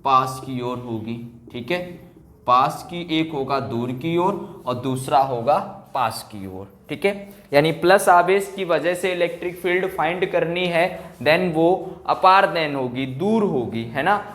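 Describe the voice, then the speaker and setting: A male physics teacher lectures at the board, explaining and dictating, repeating key phrases and asking check questions. His higher-pitched voice has a fairly bright tone and a measured pace, and the room gives off a noticeable echo.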